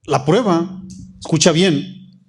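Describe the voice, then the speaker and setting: A man, a pastor preaching a sermon, reading scripture slowly and calling out questions to the congregation. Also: a little high, slightly rough. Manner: reads scripture slowly, stretching key phrases.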